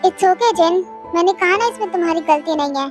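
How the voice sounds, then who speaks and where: A woman voicing a gentle young man who soothes a worried woman on a late call, in a fan drama dub. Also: very high voice, a little fast, faint music behind. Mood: soothing. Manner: soft, soothing.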